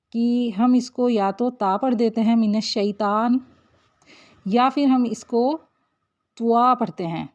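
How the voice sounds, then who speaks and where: Heard on a dull, lo-fi recording, a woman with a fairly high, slightly mellow voice gives a tajweed lesson. She patiently demonstrates Quran recitation by slowly drawing out individual syllables.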